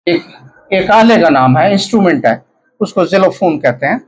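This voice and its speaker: A man's voice: high voice, expressive, moderate pace, low-quality recording. A man whose first language is Urdu, teaching a language lesson and repeating each word over and over. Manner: repeats each word many times, drawn out. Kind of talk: slow spoken language lesson.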